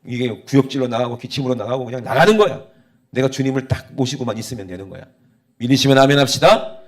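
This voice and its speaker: A male pastor preaching, then leading a loud, fervent prayer that keeps repeating "father" between phrases. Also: mid-range voice. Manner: calls out for the congregation's amen. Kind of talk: sermon and loud congregational prayer. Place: church sanctuary.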